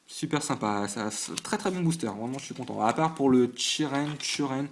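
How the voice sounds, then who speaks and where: Brief: man, mid-pitched, casual host at a home desk, hesitant and stumbling, lists things with quick verdicts. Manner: stumbling, hesitant, full of fillers and restarts; chatty, listing items one by one with quick reactions. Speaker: channel host opening trading card packs. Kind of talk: casual on-camera commentary. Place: at home at a desk under a lamp.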